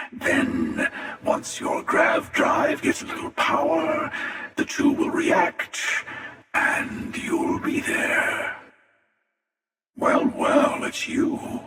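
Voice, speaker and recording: A cavernous, reverberant voice of a smug video game hunter, gravelly and menacing. He taunts in a slow, sardonic drawl, sounding world-weary and sure of himself. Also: extremely high pitch, fairly bright tone, heavily acted. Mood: cool, matter-of-fact, then smug, taunting. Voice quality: gravelly, breathy rasp. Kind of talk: video game character voice acting. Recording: echoing, long reverb, distant.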